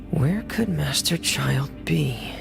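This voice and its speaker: An actress voicing a young woman in a video game who has just been rescued from the sea, speaking in a soft, hesitant, halting way. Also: low voice, creaky, full character voice, rough recording. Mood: wary.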